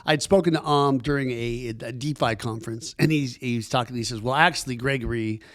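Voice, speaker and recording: A man hosting a podcast introduces his guest in a casual, enthusiastic ramble with many restarts. His medium-pitched voice is a bit bright and fairly quick.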